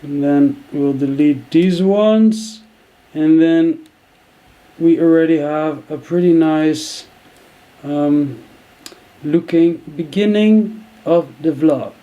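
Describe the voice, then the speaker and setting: A man's voice: on the high side, slow, mellow, highs cut off. A man in his thirties talking through a video edit, thinking aloud with many fillers and restarts. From Netherlands. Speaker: video editing tutor. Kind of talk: screen-recorded tutorial narration.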